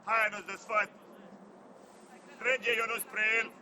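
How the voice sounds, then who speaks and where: A man's voice: high-pitched, level tone, pushed and bright, a little hiss or hum. A man coaching an amateur football match from the sideline, calling players by name with urgent commands. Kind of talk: shouted touchline instructions. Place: outdoor amateur football pitch.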